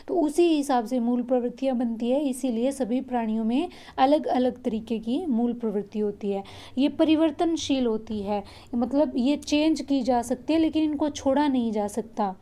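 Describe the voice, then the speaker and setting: A woman's voice: sits high, mellow. A woman teacher giving an exam-prep lesson, restating each point in simpler words and checking in often.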